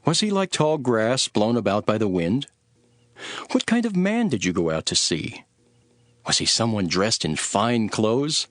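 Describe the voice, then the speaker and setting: Proclaiming to his followers, a lowish-voiced man plays a grave, authoritative teacher in a dramatised scripture reading. He delivers it in a measured, solemn manner while staying very animated, and the recording has no echo.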